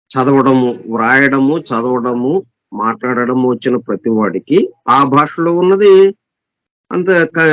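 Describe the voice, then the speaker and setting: A man giving an explanatory scripture lesson as a spiritual teacher, repeating and listing synonyms slowly and deliberately, reading English passages very slowly. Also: a little high, no echo. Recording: dull, dry lo-fi recording.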